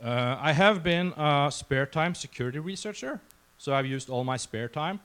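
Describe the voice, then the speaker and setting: This Norwegian man of about forty speaks with a Norwegian accent in a slightly high, expressive voice at normal speed, a bit bright and clean in tone. He's giving a casual conference presentation to a crowd in a session room, keeping it informal, conversational and self-deprecating.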